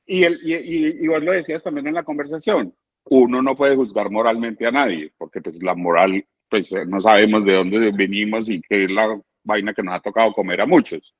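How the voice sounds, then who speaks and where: A man's voice: fairly low pitch, steady tone, normal speed, breathy edge. A man in casual chat who keeps trying to break in, stumbling over restarts.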